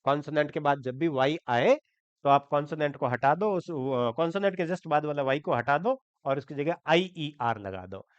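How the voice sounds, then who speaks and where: A man with a clear, smooth, fairly high voice teaches a grammar lesson, breaking words down slowly and checking in with his students. The sound is dry and close but a little dull. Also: no room sound. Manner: explains step by step, spells words letter by letter, asks checking questions. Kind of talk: Hindi-language grammar lesson.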